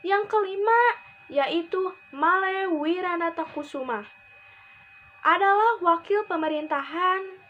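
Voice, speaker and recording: A young woman presenting a school history assignment, reading earnestly from notes with halting phrasing. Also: high-pitched. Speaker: student presenter. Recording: dull lo-fi recording with faint hiss.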